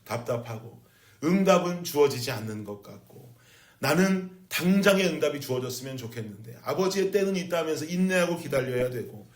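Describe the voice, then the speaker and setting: A male pastor delivering an emphatic sermon, his voice climbing to loud urgency at its peaks. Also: on the high side. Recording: echoey room.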